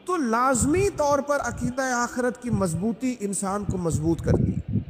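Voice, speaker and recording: A man's voice: very high voice, measured pace. A man delivering an emphatic, rhythmic sermon, repeating phrases and reciting Arabic verses. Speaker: Islamic preacher. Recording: echoey hall, noisy.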